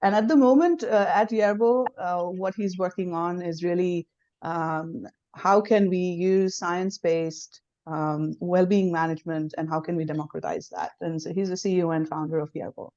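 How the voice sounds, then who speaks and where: Lower-pitched woman host on a lo-fi call. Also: fairly even intonation. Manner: warm, measured introductions with many fillers. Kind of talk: live interview on a video call. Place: small home room. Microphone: webcam on a video call. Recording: dull lo-fi video call audio.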